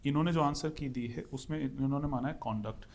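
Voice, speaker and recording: A young Indian man, an English teacher, speaks quickly at a medium pitch with an Indian accent. In an exam-prep lesson he explains English pronunciation step by step, walking through a question and repeating his points.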